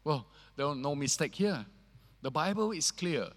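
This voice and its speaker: A man preaching a sermon as pastor, earnest and measured, pausing on fillers, his voice ringing with a long cathedral-like echo. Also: a little high, animated. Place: church sanctuary. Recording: echoey church hall reverb.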